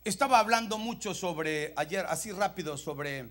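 A male pastor preaching a sermon with a very high, bright voice. He speaks in short phrases for his interpreter and swings from hushed to loud with passion. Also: animated, moderate pace. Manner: impassioned, swings from soft to loud.

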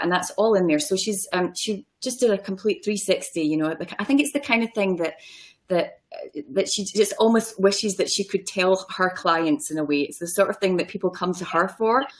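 A woman's voice: mid-range voice, a little fast. A woman guest talks casually, in a mid-range voice. She rambles, halts and restarts her sentences often. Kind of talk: casual chat.

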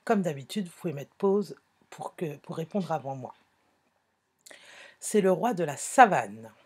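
Slow, husky-voiced woman teaching phonics. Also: deep voice, animated. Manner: slow, patient, repeats and self-corrects. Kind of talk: phonics lesson for young children.

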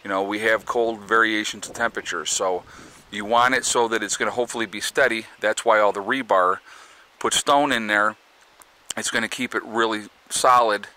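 Outdoors on his rural homestead, a man with a Northeastern American accent walks around with a handheld camera, rambling through a casual vlog with many fillers and restarts. His fairly low voice is bright and forceful, with fairly even intonation and a moderate pace.

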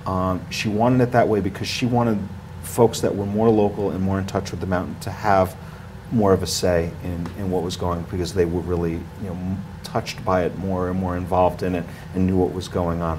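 Rambling, low-voiced man. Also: normal speed, noisy background. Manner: rambling, with many fillers and restarts, gets louder when animated. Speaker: ski area marketing director, guest. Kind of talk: studio interview talk. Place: small TV studio, indoors.

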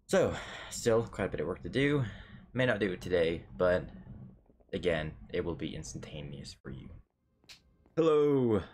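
A man's voice: deep voice, slight background noise. A man giving casual, joking commentary while playing a building game. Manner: joking, self-mocking, chatty. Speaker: gamer.

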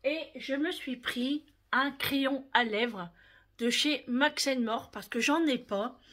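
A French woman with a high, fairly bright voice speaks slowly as she casually shows her viewers her shopping haul. She chats with them directly and keeps tacking "hein" onto the ends of her sentences.

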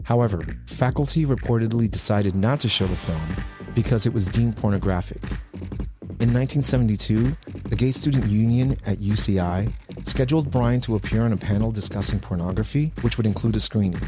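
Low-voiced man narrating a video essay. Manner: measured, informative. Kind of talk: scripted narration. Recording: voice-over with music underneath.

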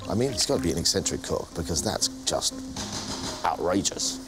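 A man's voice: low voice, animated, a little fast. A British man judging a TV cooking competition, announcing the round in a firm voice and commenting on dishes. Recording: music under the voice.

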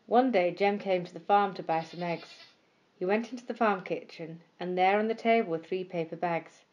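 Woman gently reading bedtime stories. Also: lowish voice, highs cut off. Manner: gentle, expressive storytelling. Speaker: storyteller.

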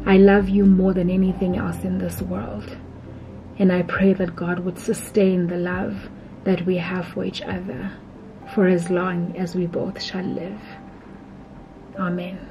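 A woman with a South African accent reading a heartfelt, prayerful letter as a voice-over, slow and tender. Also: fairly low pitch, level tone. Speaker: vlogger. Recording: dull voice-over under loud music. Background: music.

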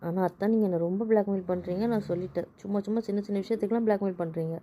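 A woman's voice: medium pitch, steady tone, very fast, warm tone, slight background noise, close to an everyday voice. A woman playing an exasperated cheeky wife. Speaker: voice actor in audio drama. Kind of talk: amateur audio drama acting.

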